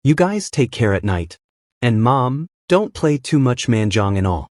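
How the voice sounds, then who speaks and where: A man's voice: mid-range voice, very animated, measured pace, darkish tone, dry recording, studio quality. A man narrating a manhwa recap, reading every character's lines in his own voice.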